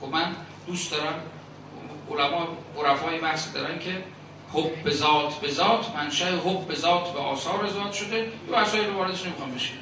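Man preaching in a booming echoey hall. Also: background noise. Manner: rhetorical, builds long spoken lists with pauses; recites verse and Arabic phrases. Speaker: seminary cleric preaching. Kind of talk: sermon. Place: religious gathering in a large echoing hall. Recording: very echoey hall recording from a distance.

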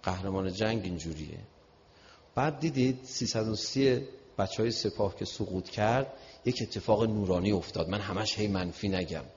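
An older man preaches to a gathered audience, dropping into low conversational asides and then rising to loud, emphatic declarations. His voice carries a long hall reverb, and the recording sounds dull and lo-fi. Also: slight background noise. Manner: conversational, with frequent asides to listeners. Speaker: religious speaker. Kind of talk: sermon-style lecture to an audience.

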